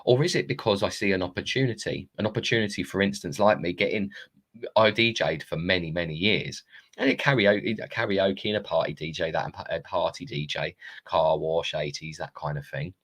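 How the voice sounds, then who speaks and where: A man's voice: low voice, a little fast, a bit bright. A man talks straight to the camera like a motivational coach. He is blunt and emphatic and swears freely as he makes his points. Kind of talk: casual motivational talk.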